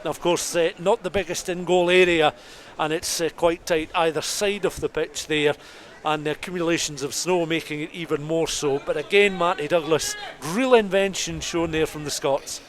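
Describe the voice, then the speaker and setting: This is live radio rugby commentary from a man calling the play-by-play at a rugby ground, describing the action in detail as it unfolds. His fairly high voice keeps a steady tone at normal speed, while his descriptive, scene-setting delivery rises with the play.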